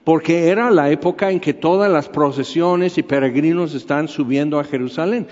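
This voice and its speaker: Male preacher, fairly high voice, chatty and meandering, long hall echo on a dull lo-fi recording. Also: normal speed, a little mellow. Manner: conversational, rambling, with frequent filler words. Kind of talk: sermon.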